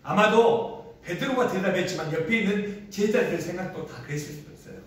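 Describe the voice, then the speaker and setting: A man with a high voice preaches a sermon, asking his congregation questions and acting out the lines he quotes. His voice comes from well off the mic and rings through a very reverberant hall. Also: fairly quick. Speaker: pastor. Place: large echoey hall used for a church service. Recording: very echoey room, voice from far off the mic.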